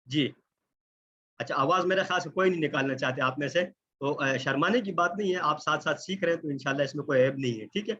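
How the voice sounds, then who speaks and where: A man teaching an online recitation lesson, explaining patiently, checking in often and drawing out example words slowly. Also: fairly high pitch, bright, forceful tone, breathy edge, lo-fi sound. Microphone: computer mic on a video call.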